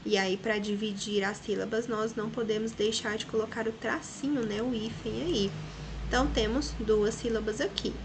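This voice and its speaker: A Brazilian woman teacher explains a lesson patiently, one step at a time. She often checks in with short tag questions, and her voice sits a little high. Faint ambient noise sits behind her. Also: fairly even intonation, moderate pace. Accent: Brazilian Portuguese. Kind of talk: recorded online school lesson.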